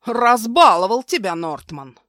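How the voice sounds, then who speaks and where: A woman's voice: lowish voice, expressive, unhurried, a bit bright, no room sound, studio quality. A woman voicing a vicious, drunken husband who snarls coarse threats, read in an audiobook. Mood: menacing. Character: brutal drunken husband, male adult, vicious.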